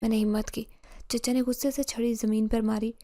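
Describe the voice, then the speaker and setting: A woman narrates a first-person horror story with emotional, dramatic delivery. Her voice is mellow and warm, pitched a little high. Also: level tone.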